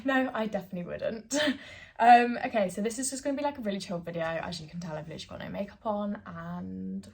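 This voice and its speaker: A woman's voice: medium pitch, gravelly, darkish tone. A woman, chatting casually to her phone camera at home with plenty of fillers and giggles. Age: 20s. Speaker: vlogger.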